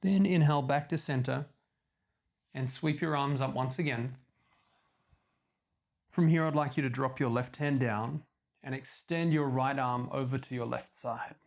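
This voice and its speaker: A man leading a guided yoga class as instructor, giving calm, measured step-by-step cues. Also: mid-range voice.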